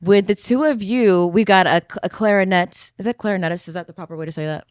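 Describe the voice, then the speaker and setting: Smooth-voiced, friendly woman podcast host. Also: medium pitch, quick pace, no room sound, clean studio sound. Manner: friendly, encouraging, frequent agreeing murmurs. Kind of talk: interview hosting.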